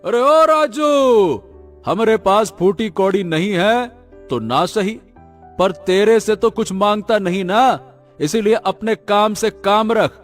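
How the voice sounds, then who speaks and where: A man's voice: high voice, takes it slowly, soft background music. A man voicing a proud, defiant poor male woodcutter in a cartoon.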